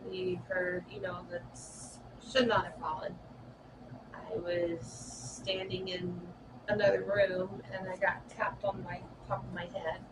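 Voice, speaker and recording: A woman's voice: fairly low pitch, flat delivery, measured pace. A woman who works as a florist, casually telling ghost stories about the house she works in, with laughter between stories. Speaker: shop owner and florist. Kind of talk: casual storytelling to ghost hunters. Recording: distant mic with loud background noise.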